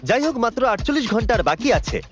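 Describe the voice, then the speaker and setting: A man with a very high-pitched, animated voice races through a scripted documentary voiceover, narrating a dubbed video. The audio is muffled beneath background music.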